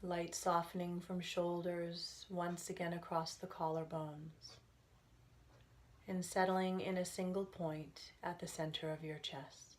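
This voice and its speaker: On the low side and with little pitch movement, a woman's voice leads a guided relaxation. She is a meditation instructor who speaks gently and soothingly, pausing between her leisurely phrases.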